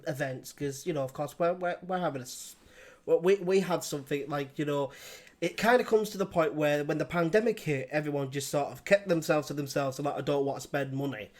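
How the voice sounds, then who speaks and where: Interviewer, male, slightly high voice, rambling and halting. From England. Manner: rambling, laughs often, halting restarts. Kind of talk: casual interview chat.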